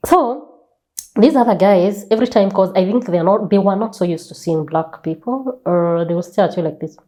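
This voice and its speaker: A Kenyan woman, a guest author in a conversational interview, tells stories with animated emphasis, repeating phrases and posing rhetorical questions. Her voice is mid-range and dark-toned, and she speaks a little fast.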